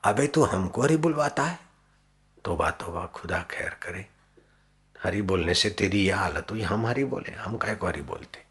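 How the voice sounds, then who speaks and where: A man's voice: deep voice, moderate pace, bright, forceful tone, exaggerated voice. A man voicing a coarse male soldier who sneers and mocks. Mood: sneering. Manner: sneering, rough.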